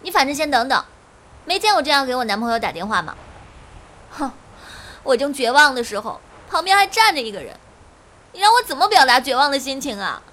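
Woman doing a huffy dramatic girl on a rooftop, high bright voice, keeps egging people on. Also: big pitch swings, fairly quick, long pauses, exaggerated voice. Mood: petulant. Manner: petulant, provoking. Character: dramatic young woman set on jumping. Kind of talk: comic audio drama.

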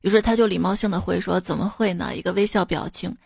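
A woman's voice: fairly low pitch, steady tone, quick pace, creaky, darkish tone, slightly rough, no room sound, studio quality. A woman hosting a podcast, reading listener jokes aloud in a chatty, teasing way. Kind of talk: casual comedic reading.

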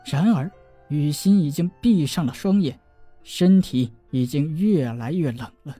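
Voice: medium pitch, warm tone, no echo, soft background music. 情绪饱满的有声书说书人. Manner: emotive storytelling with drawn-out endings. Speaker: narrator. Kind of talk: dramatic audiobook narration.

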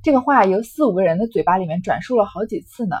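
A woman's voice: medium pitch, lively intonation, fast talker, darkish tone, slightly rough, no room sound. A woman explaining a classic novel, retelling its scenes in a conversational way with small fillers. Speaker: literature lecturer.

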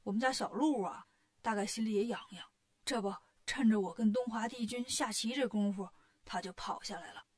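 A woman voicing a genial old male god of longevity in a storybook tale, talking low, mild and chatty. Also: brisk, lightly acted.

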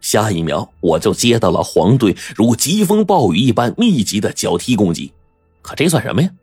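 A man's voice: fairly low pitch, very animated, moderate pace, darkish tone, breathy edge, no room sound, clean studio sound, faint music behind. A man narrating a first-person story, wry and colloquial, cracking jokes at his own expense.

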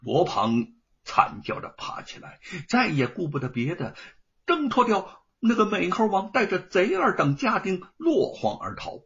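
A man telling a story in an animated, dramatic way. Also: high voice, unhurried, breathy edge. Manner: animated, acting out scenes. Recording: dull lo-fi recording.

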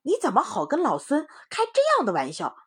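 A woman's voice: fairly high pitch, huge pitch swings, fairly quick, slightly rough, voice pushed up, full character voice. A woman voicing a cocky, brash male monkey king in a storybook reading.

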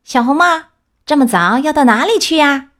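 A woman voicing a sly, scheming male wolf who wheedles and flatters. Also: sits high, moderate pace, voice pushed up. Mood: wheedling. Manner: sweet-talking, wheedling.

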